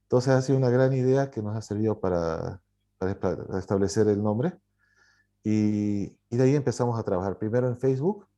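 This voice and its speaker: A man's voice: lowish voice, fairly quick, warm tone. A man from Bolivia, a publisher and writer answering in an interview, telling his story with many fillers and self-corrections.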